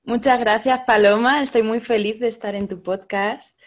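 A woman's voice: fairly high pitch, fairly even intonation, moderate pace. A woman, a teacher speaking as a podcast guest, thoughtful and often hesitating. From Spain. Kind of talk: casual interview talk.

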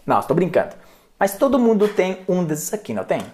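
A man's voice: high-pitched, big pitch swings, fast, a little mellow. A man, giving a chatty, playful live English lesson as a coach. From Colombia. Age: 30s. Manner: playful, chatty, peppers talk with tag questions. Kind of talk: live-streamed language lesson.

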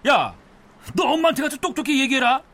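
Boastful loafer dad, radio drama, bright animated voice. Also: male voice, very high-pitched, heavily acted. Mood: grumbling. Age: middle-aged. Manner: boastful, grumbling, quick to shout. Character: blustering, idle middle-aged dad. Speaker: father.

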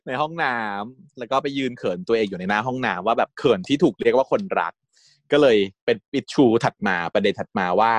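A man retells a series episode in a loose, chatty way, giggling often and putting on the characters' lines. His pitch sits in the middle of the range. The sound is close and dry, with no room around it. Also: a little fast, dry recording. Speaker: series recap host. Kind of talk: casual storytelling recap.

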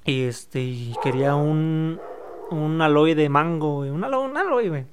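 A man's voice: on the high side, lively intonation, normal speed, noisy background. A young man with a Mexican accent telling stories in a casual chat, profane and acting out the arguments he quotes. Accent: Mexican Spanish.

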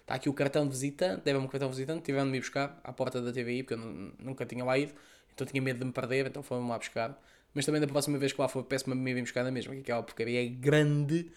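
A young man with a European Portuguese accent, telling a story in a casual vlog, animated and profane, acting out the dialogue, speaking outdoors near the beach. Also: medium pitch, rapid-fire. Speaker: content creator.

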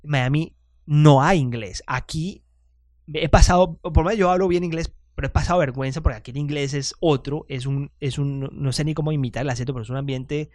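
A man's voice: on the high side, steady tone, fairly quick, a little mellow, no room sound, clean studio sound. A chatty man hosting a casual podcast monologue, self-deprecating and often restarting his sentences. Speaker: podcast host.

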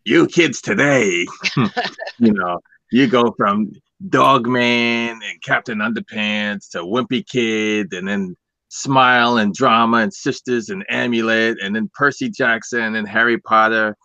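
Brief: man doing a slow, scolding old grump, low voice. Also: sharp tone, no echo, full character voice, rough recording. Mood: grumbling. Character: grumbling old man lecturing kids.

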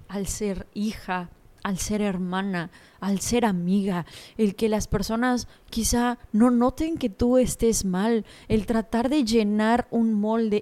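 A woman's voice: fairly high pitch, dark tone. Earnest young woman giving a devotional talk. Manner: earnest, personal and confiding.

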